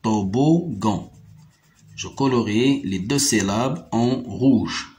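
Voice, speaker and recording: A male teacher with a Moroccan accent drills French sounds for young children. He talks at a very slow, careful pace, saying each word twice or three times and stressing every syllable. His pitch sits in an ordinary middle range. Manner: repeats words slowly syllable by syllable, explains in Arabic too. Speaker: primary school teacher. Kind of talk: slow, deliberate French phonics lesson.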